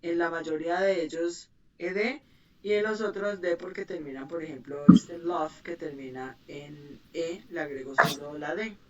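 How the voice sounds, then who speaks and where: A woman's voice: deep voice, normal speed, crowd noise. A woman teaching an online English class, explaining grammar patiently and checking that students follow. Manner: patient, checks understanding with "¿sí?" and "¿listo?". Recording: muffled, distant mic.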